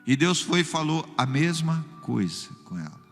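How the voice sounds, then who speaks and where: A man's voice: a little high, moderate pace, in a large hall, faint music behind. A man preaching a sermon with a Brazilian accent. As a pastor he tells humorous stories and keeps turning to the congregation as brother. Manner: lively, humorous storytelling, often addressing listeners as brother.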